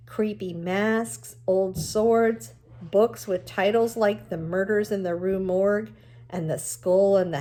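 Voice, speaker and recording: With a medium-pitched voice, a woman reads from a novel like a teacher, bringing the story to life expressively and adding explanatory asides.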